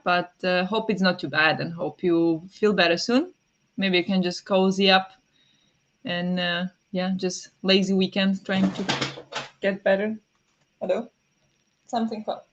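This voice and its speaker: A woman hosts a relaxed morning livestream from home, chatting, apologizing and greeting viewers with plenty of fillers and soft laughs. Her mid-range voice sometimes turns raspy, she habitually clears her throat, and the highs are cut off.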